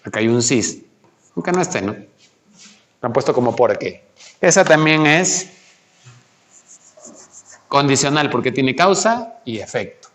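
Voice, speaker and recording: A man's voice: medium pitch, lively intonation, a little slow, pauses often, a bit bright. A man tutoring a student through logic exercises, patient and coaxing, asking many questions. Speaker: math tutor. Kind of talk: teaching logic exercises one-on-one.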